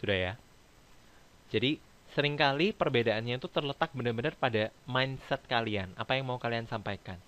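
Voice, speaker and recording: A man teaching an English grammar class in a relaxed lecture. He walks through each point plainly, slipping English phrases into his explanations and acting out little example exchanges. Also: mid-range voice, normal speed, clear, resonant tone. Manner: explains with acted example dialogues, mixes English into Indonesian.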